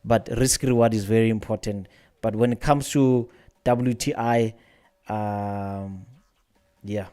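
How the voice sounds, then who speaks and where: A man's voice: lowish voice, steady tone, takes it slowly, pauses often, mellow, clear, resonant tone. A man hosting a trading livestream, talking casually and rambling, often repeating his words while answering viewers' questions. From South Africa.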